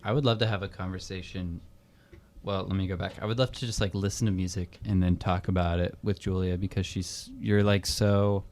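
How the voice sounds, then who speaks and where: A young man hosting a college radio show, speaking in halting, hesitant phrases. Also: low voice, fairly even intonation, darkish tone. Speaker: radio host. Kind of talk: casual radio chat.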